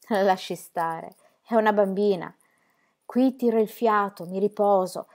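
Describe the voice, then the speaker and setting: A woman's voice: mid-range voice, unhurried, darkish tone, close to an everyday voice. A woman reading an audiobook, voicing a weary but good-humoured young man who teases as he plays cards. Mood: teasing. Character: weary, fond young man, card player.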